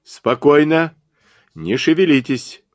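A man's voice: a little high, animated, slow pace, no room sound, pitched above the performer's own voice. A man doing a fearless young acrobat girl. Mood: firm. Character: bold young female acrobat, fearless and cheeky.

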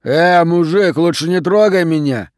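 A hostile teenage boy, pitched well above an ordinary man's voice, as a male narrator puts him on, spitting out insults and shouting them. He sounds insolent and loud in a dry, close recording. The storybook delivery keeps him coarse and belligerent. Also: big pitch swings, a little slow, dry recording. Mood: furious. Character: rude aggressive teenage boy bully.

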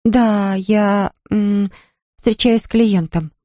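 A woman's voice: mid-range voice, steady tone, drawn-out words, warm tone, no room sound, clean studio sound. A woman reading an audiobook, voicing a flustered young heroine who talks plainly and hesitantly.

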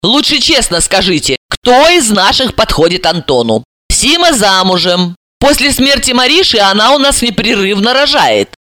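A woman reader voicing a domineering, sharp-tongued older aunt who scolds and shrieks at her family. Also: mid-range voice, no room sound.

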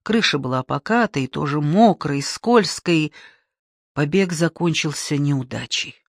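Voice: medium pitch, animated, measured pace, no room sound. Audiobook narrator, lots of melody in the voice, dry close sound.

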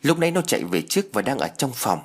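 A man's voice: mid-range voice, big pitch swings, fast talker, slightly rough. A man reading a ghost story and voicing a matter-of-fact receptionist who explains insistently.

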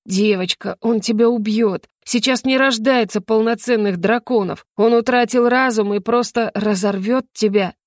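A woman voicing a stern older woman, a grandmother and regent, speaking gravely in an audiobook. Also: a little high, normal speed, hardly any pauses, no room sound, studio quality, close to an everyday voice. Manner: grave, warning.

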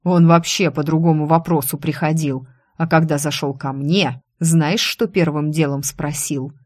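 A woman voicing a gruff, domineering male boss in an audiobook, speaking slowly and menacingly, then snapping into angry scolding. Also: deep voice, fairly even intonation, a little mellow. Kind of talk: audiobook character reading.

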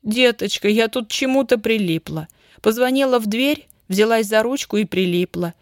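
A woman's voice: a little high, expressive, moderate pace, no echo, studio quality, pitched above the performer's own voice. A woman voicing a flustered, tearful elderly telegram carrier who wails and pleads. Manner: wailing, fussy pleading. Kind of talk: audiobook character reading.

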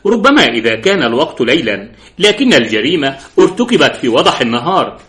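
A man's voice: mid-range voice, big pitch swings, brisk, a bit bright. A man voicing a cautious, rule-bound male police inspector who raises respectful objections. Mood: doubtful.

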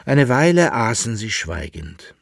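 Husky man narrating a novel. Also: medium pitch, big pitch swings, unhurried, no echo, clean studio sound. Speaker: reader. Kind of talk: audiobook narration of a historical novel. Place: radio studio.

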